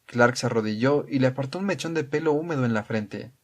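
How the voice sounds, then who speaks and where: A man narrating an audiobook in a calm, measured reading style. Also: medium pitch.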